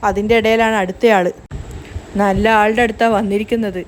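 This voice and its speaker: A woman's voice: mid-range voice, steady tone, fairly quick, slight background noise, natural voice. A woman reading the lines of a blunt, tactless middle-aged uncle in a serial recap, grumbling in her own voice.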